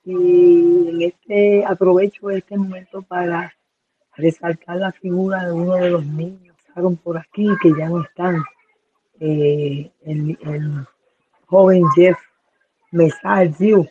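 A woman from Rico, an orphanage director giving an earnest, halting personal testimony. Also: on the low side, fairly even intonation, slightly rough, no echo. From Puerto Rico. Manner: earnest, halting, with fillers and restarts. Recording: tinny phone-like line with faint noise.

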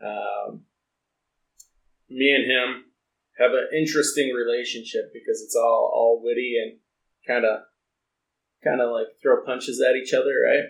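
A man's voice: medium pitch, steady tone, a little slow, gravelly, long pauses. A young man telling stories in a casual podcast chat, full of fillers and acted-out quotes. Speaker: podcast host. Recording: roomy echo.

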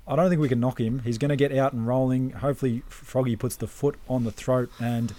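Male Australian podcast host, medium pitch, informal racing banter and tipping. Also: steady tone, brisk, mellow. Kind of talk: casual racing chat.

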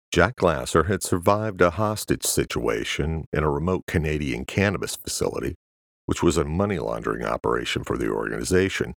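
Very deep, gravelly male audiobook narrator. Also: no room sound, studio quality. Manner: steady, measured storytelling. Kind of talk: scripted narration.

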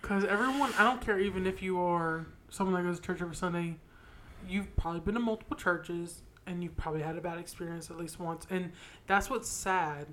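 Young woman co-host, casual chat, low-pitched, rambling. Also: brisk, fairly bright tone, slight background noise. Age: 20s. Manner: rambling, frequent "like" fillers. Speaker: podcast co-host.

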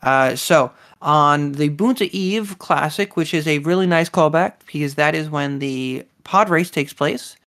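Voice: medium pitch, a little slow, hardly any pauses, fairly bright tone. A podcast co-host in casual chat, reviewing an episode with enthusiasm and lots of fillers. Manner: chatty, enthusiastic, many fillers.

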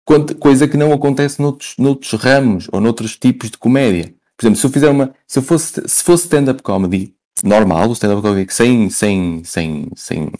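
A man's voice: mid-range voice, normal speed, hardly any pauses, a little mellow. A man with a European Portuguese accent explaining his view in casual talk, repeating himself and checking that he is followed.

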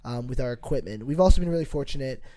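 A man co-hosts a laid-back podcast, talking casually with many fillers and false starts. He's an animated, fast talker with a warm, medium-pitched voice.

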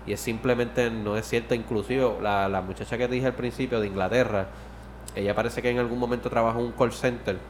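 A man's voice: medium pitch, steady tone, brisk, slight background noise. A man co-hosting a podcast, rambling in casual chat, swearing often and restarting mid-sentence. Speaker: podcast co-host.

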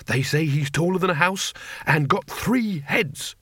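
Uneasy common male soldiers, as a male narrator puts them on, trading gossip in a slow, rough drawl. They speak higher than the narration. The sound is dry and close. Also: animated, sharp tone, no room sound, full character voice.

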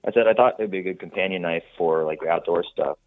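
A man's voice: low voice, fast. A man in laid-back casual chat, heard over a phone call on speakerphone, a little muffled. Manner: laid-back and easygoing, with fillers. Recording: tinny muffled phone line.

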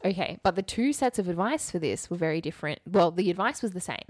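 Speaking quickly and with animation, a young woman with a fairly low voice co-hosts a podcast full of casual chat and stories. Her manner is candid and wry, and she repeats points for emphasis. The studio sound is clean, with no room sound.

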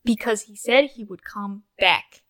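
A man's voice: high-pitched, unhurried, a bit bright. A game master voicing an irritated young human man in his twenties who scolds a newcomer with blunt questions. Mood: stern. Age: 20s.

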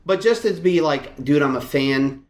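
A man co-hosting a podcast, talking in a rambling, animated way with many restarts and a Virginian accent. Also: fairly high pitch, moderate pace. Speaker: podcast co-host. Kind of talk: casual chat.

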